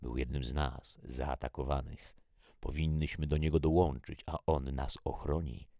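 Very deep gravelly male audiobook reader. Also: level tone, normal speed, mellow, dry recording, clean studio sound. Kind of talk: first-person audiobook narration.

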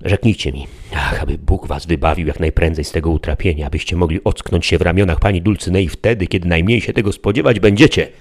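An earnest, loyal squire pleads with his master in long, old-fashioned sentences, as a man reading an audiobook voices him. The voice sits very low and deep. It is a storybook part read aloud, not a full character voice. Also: quick pace, hardly any pauses.

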